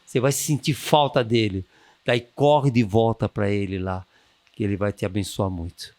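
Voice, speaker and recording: A man's voice: fairly low pitch, moderate pace, a little mellow. A man, a missionary guest giving enthusiastic, preaching-style advice and acting out the inner voices he quotes. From Brazil. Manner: exuberant, acts out quoted inner voices, calls for amens.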